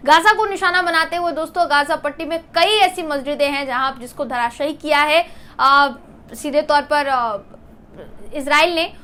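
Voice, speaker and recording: A woman news anchor with a high, bright voice, presenting the story earnestly. She explains the events to the audience and keeps calling the viewers her friends. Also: moderate pace. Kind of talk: Hindi news presentation to camera.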